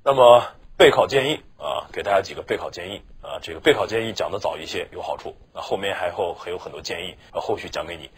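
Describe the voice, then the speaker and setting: Man, teacher, exam-prep lecture, husky, breathy, deeper voice, chatty. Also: fast, few pauses. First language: Mandarin Chinese. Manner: chatty, keeps asking "是吧" for agreement.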